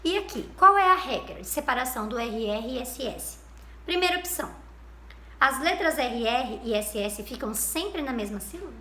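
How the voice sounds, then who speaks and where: Woman, Brazilian Portuguese accent, primary teacher, high voice, patient sing-song delivery, roomy echo. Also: lively intonation, normal speed, bright, forceful tone. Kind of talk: recorded remote lesson for young children.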